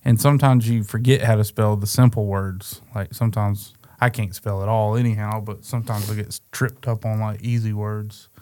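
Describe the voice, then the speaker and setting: A man's voice: normal speed, hardly any pauses, dry recording. Rambling casual man, dry mic. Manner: rambling, laughs mid-sentence, pitch jumps up when excited. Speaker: podcast co-host. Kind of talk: casual chat.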